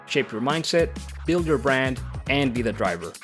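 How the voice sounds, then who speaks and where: Measured podcast host. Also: male voice, medium pitch, expressive, over music. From Central America. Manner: measured, read-aloud delivery. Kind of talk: scripted podcast monologue and interview.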